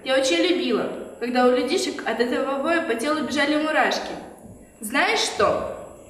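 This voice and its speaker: A woman acts out an imperious, spiteful snow queen in a children's fairy-tale play. Her high voice scolds haughtily and theatrically. It carries from afar through a reverberant hall. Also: moderate pace, fairly bright tone. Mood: irritated. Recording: distant, very echoey hall, faint noise.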